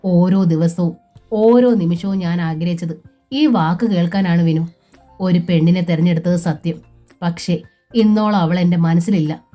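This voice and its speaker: A woman's voice: fairly low pitch, measured pace, mellow, faint music behind, close to an everyday voice. A woman voicing an earnest young man in love, speaking with pleading sincerity.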